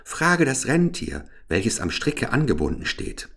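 A man's voice: medium pitch, sing-song, unhurried, fairly bright tone, slightly rough, voice pushed up, exaggerated voice. A man voicing caged wood pigeons, speaking in a sing-song, cooing way. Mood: mournful.

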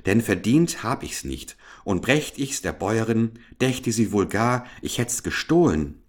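A man's voice: fairly low pitch, very animated, measured pace. A man voicing a poor, modest and honest young maid who answers timidly in a fairy tale reading. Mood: humble.

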